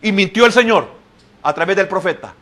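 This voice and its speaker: Bright-voiced pastor preaching passionately. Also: male voice, high voice, animated, fairly quick. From El Salvador. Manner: impassioned preaching, swinging between loud exclamations and hushed asides; addresses the congregation directly and often as "hermano". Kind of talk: sermon.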